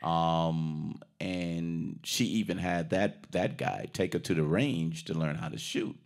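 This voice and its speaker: Deep gravelly dude recapping a movie, acts out all the lines, swears a lot. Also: male voice, slow pace. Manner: animated, acts out characters' lines with big pitch jumps; swears freely. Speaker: film review co-host. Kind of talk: casual chat retelling a film plot.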